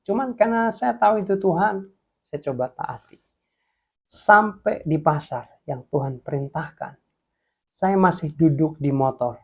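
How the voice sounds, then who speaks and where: A young man from Jepara, Indonesia, telling a testimony in a sermon, talking to listeners as "guys" and swinging between hushed and excited delivery. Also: fairly high pitch, a little slow, breathy edge. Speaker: preacher.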